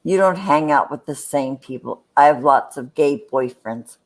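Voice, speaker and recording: A woman telling stories in a relaxed group chat. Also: sits low, normal speed.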